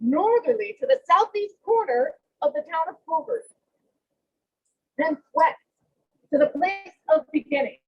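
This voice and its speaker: Lady doing a town crier proclamation, super high voice, slow n solemn, bit muffled recording. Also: animated. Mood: ceremonial proclaiming. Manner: declamatory, ceremonial, drawn-out phrasing. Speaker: town crier in a historical reenactment. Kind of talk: town crier proclamation, formal reading of an act.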